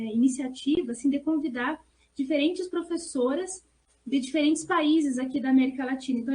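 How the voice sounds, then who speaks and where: The recording quality is low as a Brazilian woman, a researcher, talks in an academic discussion with a Brazilian Portuguese accent. She explains in an earnest, roundabout way and often adds small check-in tags, her high voice soft and mellow.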